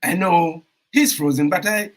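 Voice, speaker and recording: A man hosting an online radio talk show, speaking emphatically with repeated phrases and bursts of loud enthusiasm. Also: high-pitched, unhurried. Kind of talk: energetic radio show intro and interview. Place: Toronto.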